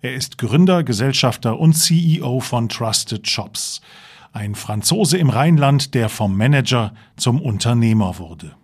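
A man hosting a podcast interview, asking clear, measured questions. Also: medium pitch, lively intonation. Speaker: podcast host.

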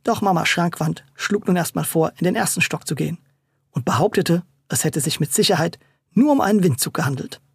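Husky, dry-sounding children's story narrator. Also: medium pitch, brisk, no room sound. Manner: lively, playful storytelling.

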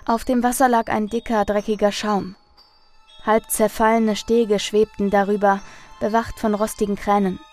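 Woman podcaster reading a spooky story, steady dramatic reading, faint music behind. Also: mid-range voice, normal speed. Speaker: podcast host reading listener stories. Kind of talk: scripted narration.

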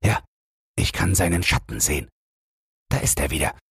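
A man reading the part of Sherlock Holmes, a keen analytical detective, in a measured way for a sleep audiobook. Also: low-pitched, vocal fry, fairly bright tone, slightly rough, no room sound, studio quality, exaggerated voice. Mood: intent. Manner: measured, reasoning aloud.

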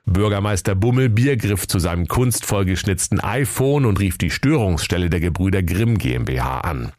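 A man narrates a comic fairy tale in a low voice with a northern German accent. His delivery is playful and very animated, and the recording sounds dry and close. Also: normal speed, no room sound. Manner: lively, playful storytelling. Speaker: storyteller.

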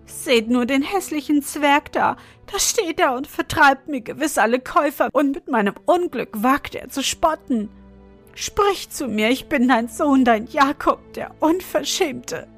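A woman's voice: takes it slowly, hardly any pauses, soft background music. A woman voicing an angry market woman who scolds and drives off a stranger she takes for a dwarf. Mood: indignant. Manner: scolding, shrill. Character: frantic grieving market woman, mother.

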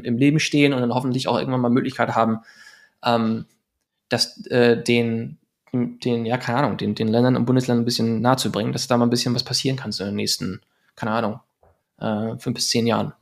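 Gravelly German man, rambling fast. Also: mid-range voice, steady tone. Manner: fast, rambling with many fillers and restarts. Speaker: guest. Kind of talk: casual podcast interview.

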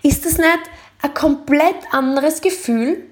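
A woman hosting a motivational coaching podcast, speaking earnestly and straight to the listener, and sometimes dramatizing worries in quick, heightened bursts. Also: high-pitched. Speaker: podcast host.

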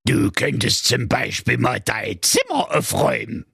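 A man voicing an old witch who speaks slowly and deliberately in a sing-song tone. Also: mid-range voice, wildly swooping pitch, gravelly, fairly bright tone, breathy edge, no echo, clean studio sound, voice pushed up, heavily acted.

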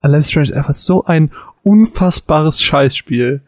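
A man co-hosting a podcast in casual chat about games, relaxed and explanatory. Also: fairly high pitch, unhurried, dry recording, clean studio sound. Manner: relaxed, explanatory, acts out dialogue. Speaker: podcast co-host.

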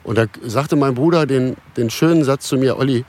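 A German man in his fifties sits as a guest on a casual podcast. His voice is mid-pitched. He tells long anecdotes in a loose, meandering way, often restarting his sentences. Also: moderate pace. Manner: relaxed storytelling with many restarts and fillers. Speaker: musician guest.

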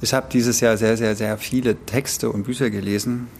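A man in his thirties co-hosting a literary podcast, talking in a relaxed, chatty way with many fillers. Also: mid-range voice, normal speed, vocal fry. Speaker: podcast co-host. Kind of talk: casual literary chat. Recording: faint background hiss.

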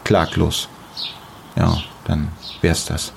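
A man's voice: low voice, monotone, drawn-out words, creaky, background noise. A middle-aged man with a German accent, speaking casually and emphatically in an interview about the house he builds, often repeating words for stress. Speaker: artist building his house.

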